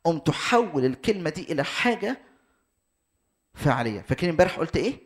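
A man's voice: fairly high pitch, big pitch swings, quick pace. A man with an Egyptian Arabic accent preaching a teaching sermon, explaining step by step and restating his points to be precise.

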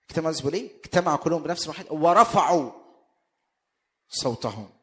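Egyptian male preacher, raised pitch, emphatic sermon delivery with rhetorical questions. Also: lively intonation, racing. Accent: Egyptian Arabic. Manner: emphatic, rising to loud bursts, rhetorical questions.

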